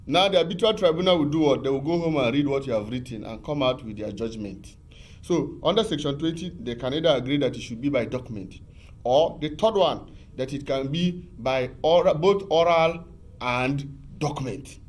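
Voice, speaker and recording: A man's voice: medium pitch, normal speed. A man explaining arbitration law as a guest on a TV talk show, patient and repetitive, with many fillers and restarts. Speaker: legal expert guest.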